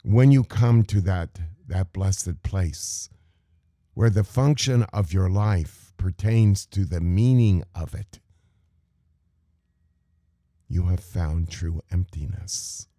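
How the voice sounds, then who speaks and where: A man giving a contemplative talk on meditation, posing rhetorical questions in a measured way. His voice is low and mellow, and he speaks very slowly. The sound is dry and close. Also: no echo. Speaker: meditation teacher.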